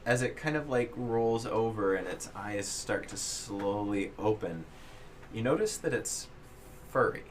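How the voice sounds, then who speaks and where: A man narrating a tabletop role-playing game to his players as game master, building scenes in halting, drawn-out descriptions. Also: lowish voice, expressive, a little hiss or hum.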